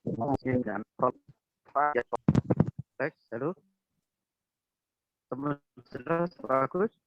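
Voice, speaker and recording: A man calling in to an online gathering, his audio choppy and glitching as the connection keeps cutting out, speaking slowly and haltingly while he tests the line. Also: a little high, sing-song, gravelly, no room sound. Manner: slow, halting, testing the line. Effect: choppy glitching call audio that keeps cutting out. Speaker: participant calling in. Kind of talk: halting greeting on an online call. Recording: glitchy thin phone-like online call.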